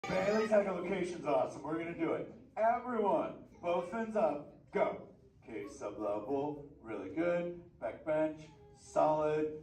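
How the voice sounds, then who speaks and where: An actor playing an excitable, laid-back sea turtle dude who works a crowd in surfer slang in an interactive cartoon show. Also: male voice, on the high side, a little slow. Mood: upbeat, playful. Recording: echoey, distant, very noisy crowd.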